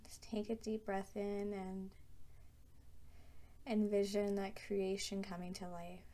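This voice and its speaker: A woman leads a guided meditation, speaking very slowly and softly. Her voice is warm and mellow, and she leaves long, calm pauses between phrases. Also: mid-range voice. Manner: slow, soft and soothing, with long pauses.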